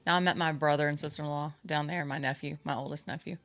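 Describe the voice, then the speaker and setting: A woman with a very low voice and a gravelly edge talks about a trip. She grew up in a small town, and her speech is halting and casual, with lots of restarts. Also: fairly even intonation, a bit bright. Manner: hesitant, restarts, chatty. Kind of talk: casual chat.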